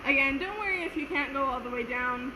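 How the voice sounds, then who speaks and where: A woman with a high voice instructs a gymnastics stretching class on a live stream. She is casual and encouraging as she gives directions and counts. The recording has clear background noise. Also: brisk, echoey room. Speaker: gymnastics coach. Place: gym floor with fans. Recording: noisy live-stream audio with steady background hum.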